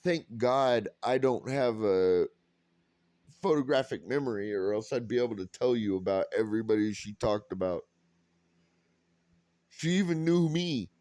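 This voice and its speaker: A man's voice: fairly low pitch, lively intonation, unhurried, long pauses, darkish tone, no room sound. A man from California telling a story in a sarcastic, profane, rambling way. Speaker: vlogger. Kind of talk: casual storytelling rant.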